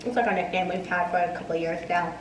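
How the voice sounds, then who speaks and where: A woman's voice: lowish voice, fairly even intonation, quick pace, roomy sound, recorded from a distance, a little hiss or hum, rough recording. A woman in her twenties answering viewer questions between bites, casual and chatty. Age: 20s. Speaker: mukbang vlogger. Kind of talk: casual Q&A while eating. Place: dining room indoors. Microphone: earphone mic, phone in hand.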